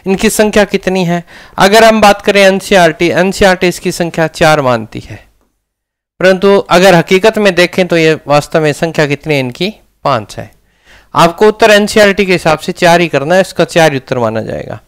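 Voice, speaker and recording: A man's voice: sits high, normal speed, clean tone. A man with a Rajasthani Hindi accent teaching a grammar lesson, often asking questions and answering them himself.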